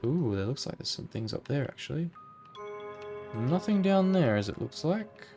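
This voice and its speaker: A man's voice: a little high, big pitch swings, moderate pace, music in the background. Chatty man playing a video game. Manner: chatty, muses aloud, reads game text aloud. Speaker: let's play gamer. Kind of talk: casual gameplay commentary.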